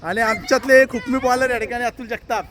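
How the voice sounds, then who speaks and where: A man's voice: very high voice, fairly even intonation, fast talker, crowd noise. A man giving playful, announcer-style commentary on a family cricket match outdoors, filmed on a handheld camera.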